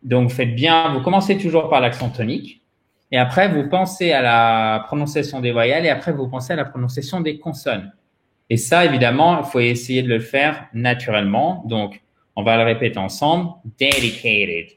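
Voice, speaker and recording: The English pronunciation teacher, whose native language is French, runs an interactive lesson and addresses his students directly with didactic explanations. He sounds animated and a bit bright, with a mid-range voice at a moderate pace and a roomy sound.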